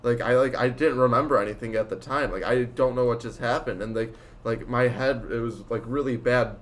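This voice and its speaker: A man's voice: medium pitch, a little fast. Rambling teenage guy telling stories. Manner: rambling, laughing, lots of likes. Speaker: student storyteller. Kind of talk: casual chat.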